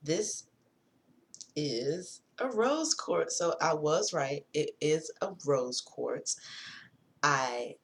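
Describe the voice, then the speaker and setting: A woman's voice: low-pitched, a little hiss or hum. A woman vlogging to her viewers in a chatty, casual way, swearing freely and calling them y'all. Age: adult with a daughter. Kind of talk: casual chat to camera.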